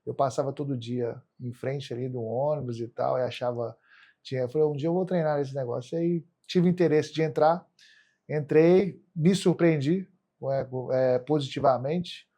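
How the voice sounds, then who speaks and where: A man's voice: medium pitch, moderate pace, mellow. A Brazilian man, an athlete being interviewed as a podcast guest, talks colloquially about himself, often adding tags seeking agreement. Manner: colloquial, frequent tag questions seeking agreement. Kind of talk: casual interview storytelling.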